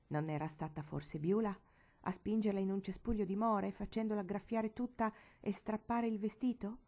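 Woman audiobook reader, mellow, slow measured narration, soft hushed touches. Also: medium pitch.

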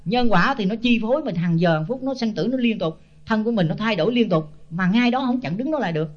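A man's voice: high voice, animated, fast talker. An older man, a senior Buddhist monk giving a blunt, scolding sermon full of rhetorical questions. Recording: dull lo-fi tape.

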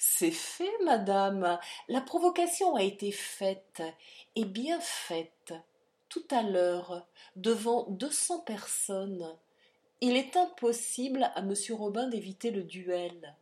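A woman voicing a cold, ironic male count who threatens with smooth, polite cruelty, in an audiobook reading. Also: medium pitch, expressive, takes it slowly, warm tone.

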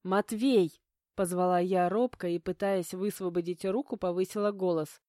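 A woman reading a first-person novel aloud in an even, measured way. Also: lowish voice, dry recording, clean studio sound. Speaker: audiobook narrator. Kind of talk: first-person audiobook narration.

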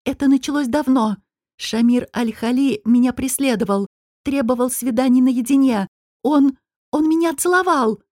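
A woman's voice: high voice, moderate pace, darkish tone, dry recording, clean studio sound. Woman voicing a pleading young princess.

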